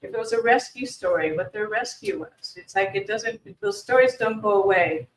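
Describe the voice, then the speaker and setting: A woman's voice: mid-range voice, moderate pace, a little hiss or hum. A woman leading a grief workshop for a live audience, speaking conversationally and often restarting or repeating words. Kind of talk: informal workshop presentation. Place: meeting room with a live audience. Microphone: distant room mic. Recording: echoey room, voice far from the mic.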